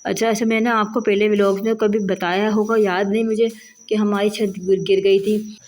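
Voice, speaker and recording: A woman in her thirties from Pakistan speaks into a handheld phone in her home, in a vlog. Her voice is mellow and warm, sitting at an ordinary pitch. She talks in an earnest, emphatic way, pressing her points with repeated assurances. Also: little pitch movement, normal speed. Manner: earnest, emphatic retelling, often repeating "believe me". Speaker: vlogger, mother. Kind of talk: home vlog, personal storytelling. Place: at home, indoors.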